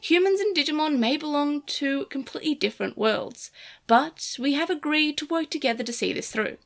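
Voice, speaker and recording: A woman voicing a scheming, pretentious partner Digimon that speaks in a measured, lofty way. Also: sits high, expressive, creaky, voice pushed up. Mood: cool.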